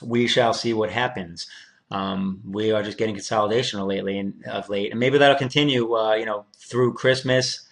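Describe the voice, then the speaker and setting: A man's voice: lowish voice, steady tone, normal speed. A man hosting a casual trading show, walking through price charts in a laid-back, slangy way with loose fillers. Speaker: crypto trader host.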